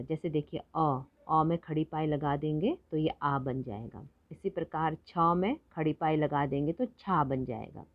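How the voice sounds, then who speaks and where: A woman teaching children to read, explaining quickly and then drawing out each word slowly so they can repeat it. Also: low voice, no room sound. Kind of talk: Hindi phonics lesson for children. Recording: dull lo-fi recording.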